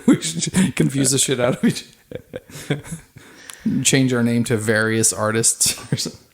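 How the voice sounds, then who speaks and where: A man with a gravelly, fry-tinged voice trading jokes on a laid-back podcast. He keeps the banter going and laughs easily at his own lines, all at a middle pitch. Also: unhurried. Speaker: band member and podcast co-host. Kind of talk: casual chat over beers.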